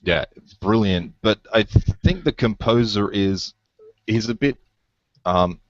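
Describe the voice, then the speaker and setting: A man's voice: lowish voice, measured pace, no room sound, dull audio. A man in a casual podcast chat, rambling with enthusiasm as he recommends things.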